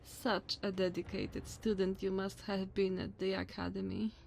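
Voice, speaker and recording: A woman's voice: medium pitch, little pitch movement, normal speed, gravelly, a little mellow, slight background noise, close to an everyday voice, low-quality recording. A woman playing a haughty, mocking, dominant aristocratic vampire lady in an ASMR roleplay, with condescending, formal, theatrical diction. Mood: imperious, appraising.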